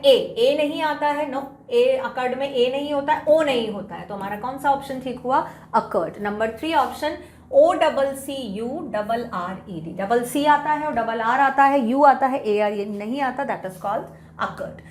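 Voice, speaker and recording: Slow-paced Indian woman spelling words aloud. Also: high-pitched, darkish tone. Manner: spells words out letter by letter, mixing Hindi and English. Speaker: teacher. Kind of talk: online exam-prep spelling lesson. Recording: echoey room with faint background hiss.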